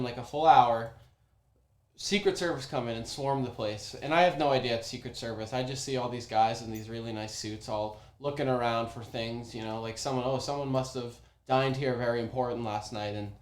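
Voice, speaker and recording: A young man casually telling a personal story, animated, with many ums and restarts. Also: mid-range voice. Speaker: former oyster bar worker telling a story. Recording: roomy echo.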